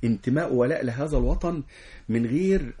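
A man's voice: mid-range voice, brisk, dark tone, slightly rough. A man with an Egyptian Arabic accent, an education lecturer who is a talk show guest. He explains his views earnestly and in a lecturing way, often acting out example dialogues. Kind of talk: explanatory interview answers.

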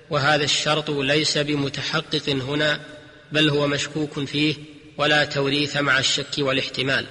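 A man delivering a formal, scripted religious radio lecture in measured classical Standard Arabic. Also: a little high, sharp tone. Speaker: radio lecturer on Islamic jurisprudence. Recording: long hall-like reverb.

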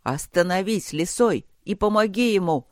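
A desperate young warrior begs in a storybook battle, played by a man. His voice rises a little higher and louder, urgent and pleading. The recording is dry and up close. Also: normal speed, no echo, lightly acted. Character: young male warrior grandson, desperate and fierce.

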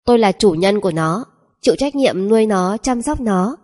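A woman's voice: mid-range voice, expressive, moderate pace, darkish tone, close to an everyday voice. A woman voicing a strict young woman who teaches a shy man to speak, in clipped commands. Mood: stern.

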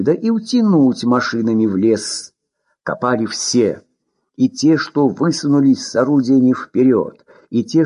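A man narrating a war story with a husky, breathy voice and a dark, mellow tone. His pitch rises and falls in a lively way as he reads. The delivery is expressive and story-driven. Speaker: audiobook narrator. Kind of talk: scripted narration of war prose.

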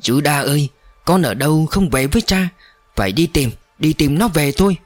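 A drunken father cries out and shouts for his missing son, voiced by a man reading the story. His voice swings widely in pitch, recorded close and dry. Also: animated, normal speed, no echo. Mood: anguished. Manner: wailing, shouting. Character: grieving drunken father, middle-aged man.

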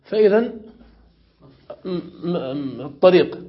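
A man teaching Arabic grammar in a classroom lesson, questioning his students and repeating examples slowly. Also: a little high, animated, lo-fi sound. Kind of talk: classroom lesson explaining morphology.

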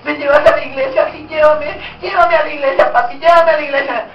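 A man's voice: very high-pitched, steady tone, brisk, far from the mic, muffled recording, slight background noise, voice pushed up. A man voicing a small child who keeps pleading with a parent to go to church, in an echoey church hall. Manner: pleading, repeating the same request.

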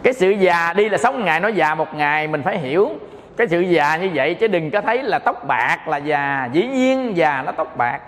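Man, Buddhist monk with a Southern Vietnamese accent, high voice, playful teaching tone, dharma talk in a reverberant hall. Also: expressive, normal speed, a bit bright. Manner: playful, joking, often checks the audience understands.

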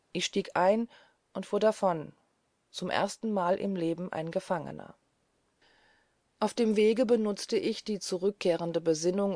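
A woman reading a classic novel aloud as an audiobook narrator, calm and even. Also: on the low side, dry recording, clean studio sound.

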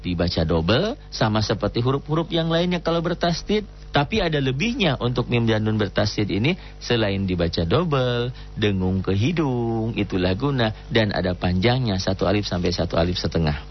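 A man's voice: fairly low pitch, lively intonation, faint music behind. Man teaching Quran recitation, lo-fi. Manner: explains rules patiently, breaks into slow melodic recitation of Arabic. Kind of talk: tajweed lesson with chanted examples.

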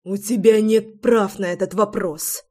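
A woman's voice: medium pitch, fairly even intonation, measured pace, darkish tone, close to an everyday voice. A woman voicing a fiery pregnant young wife who hisses and snaps back at her husband in an audiobook. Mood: hissing anger. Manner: hissing, snapping.

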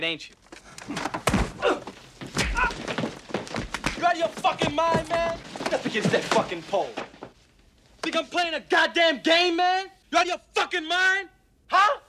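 An actor playing a brash, profane street hustler who poses as a cop and mocks the people around him. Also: male voice, extremely high pitch, big pitch swings, fast talker, hardly any pauses, background noise. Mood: aggressive. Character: brash fast-talking male street hustler, cocky. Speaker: convict posing as a cop. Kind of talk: 1980s action film acting. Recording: film soundtrack with music behind.

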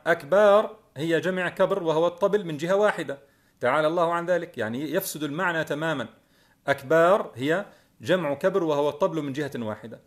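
Middle-aged male preacher, earnest and corrective, slightly high voice. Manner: earnest, corrective, drawls out demonstrated chants. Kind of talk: religious lesson.

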